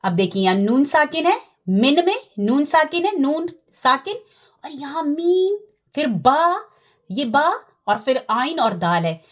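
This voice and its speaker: A woman teaching Quran recitation rules, repeating key terms, checking in with her listeners and drawing out recited words slowly. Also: high-pitched, very animated. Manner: slows down and draws out recited Arabic words. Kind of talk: tajweed lesson.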